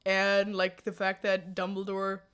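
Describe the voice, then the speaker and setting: Speaking a little slowly in a clean, medium-pitched tone, a twenty-something woman livestreams from a room in her home through a USB condenser desk mic. She laughs often and replies to chat in a giggly, jokey, animated way.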